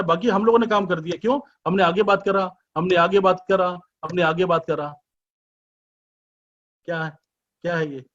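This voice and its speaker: A man giving a business presentation as an informal sales pitch, chatty and persuasive, full of rhetorical questions and teasing asides. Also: a bit bright. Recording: dull lo-fi recording.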